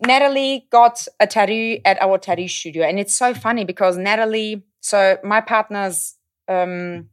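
A young woman from Germany, a German native speaker with a German accent, chatting casually as a podcast guest and telling a lively story, sometimes hunting for the right English word. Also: mid-range voice, normal speed, smooth. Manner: lively, self-correcting, searches for English words.

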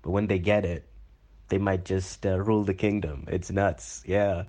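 A man's voice: low-pitched, fairly even intonation, moderate pace, dark tone, natural voice. A man playing an upbeat, chatty male caller who gushes with fillers. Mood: enthusiastic. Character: chirpy enthusiastic male caller.

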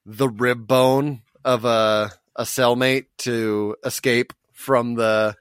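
A man's voice: medium pitch, fairly even intonation, slow, clean tone, no room sound, clean studio sound. A man co-hosting a podcast in casual chat, eager and repeating himself with many fillers. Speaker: podcast co-host. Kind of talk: casual chat recapping a TV show.

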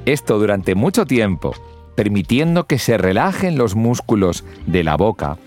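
Middle-aged male host, low register, very expressive delivery, coaching tone. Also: a little slow, loud music behind the voice. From Spain. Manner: lively, demonstrates pronunciation with exaggerated examples. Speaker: podcast host and public speaking mentor. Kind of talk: instructional podcast talk.

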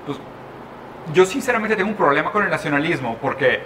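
A man's voice: on the high side, lively intonation, a little fast, fairly bright tone, a little hiss or hum. A man from Brazil in a casual chat, reflective and thinking aloud with many restarts.

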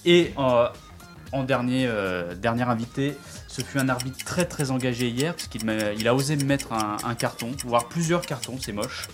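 A man's voice: medium pitch, normal speed, music in the background. A man hosting a casual sports podcast, introducing guests with teasing jokes and lots of fillers. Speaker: podcast host.

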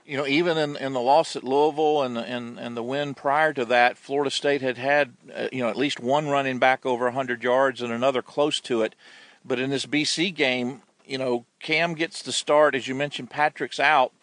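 A man's voice: medium pitch, steady tone, moderate pace, a bit bright, dry recording. A man co-hosting a sports talk show, analysing a football team's play with emphatic, repetitive stresses. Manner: emphatic, repeats words when stressing a point.

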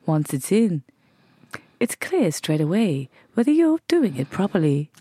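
A woman podcast co-host, reading out an ad in a slow, stiff, flat robot-like voiceover voice. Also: on the low side, breathy edge, dry recording. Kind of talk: comic podcast chat.

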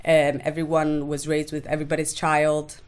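A woman's voice: low-pitched, monotone, darkish tone, clear, resonant tone. A woman from Somalia, a podcast guest, talking frankly and earnestly in a candid interview. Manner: frank and earnest, speaks in quick bursts with blunt asides.

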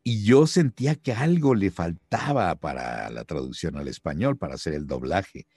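Low-voiced man telling stories. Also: normal speed, husky, no room sound, studio quality. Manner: lively storyteller who acts out quoted voices. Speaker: voice actor. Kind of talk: anecdotal storytelling in an interview.

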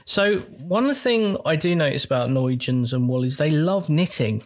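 A man's voice: a little high, animated, normal speed. A man with an English accent chatting casually as a podcast co-host, blunt and joking, with plenty of swearing. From England. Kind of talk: casual chat.

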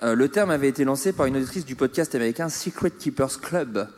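A man's voice: mid-range voice, expressive, fast, a little mellow, long reverb tail. A man hosting a casual group podcast, teasing his guests with a guessing game and then explaining the answer. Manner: playful, teasing quiz-master. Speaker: podcast host. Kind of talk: casual chat among friends.

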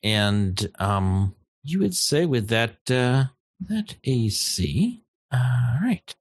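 Brief: male game master, slow and halting, lots of ums, dry close sound. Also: mid-range voice, big pitch swings, no room sound. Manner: halting, many fillers, frequent laughs. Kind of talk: running a tabletop game.

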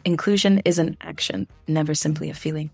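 A young adult woman answering podcast interview questions in a candid, chatty way with quick asides. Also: low-pitched, steady tone, gravelly, a little mellow, husky, no echo, faint music behind. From grew up in the Philippines, the States and Tunisia. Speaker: guest, diversity and inclusion consultant.

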